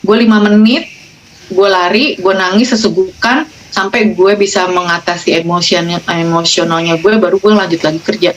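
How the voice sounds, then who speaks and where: A woman, guest on a casual podcast, telling stories with animated, emotional delivery and acted-out quotes. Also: lowish voice, moderate pace, slight background noise. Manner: animated, emotional, quoting patients in dialogue. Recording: dull lo-fi sound.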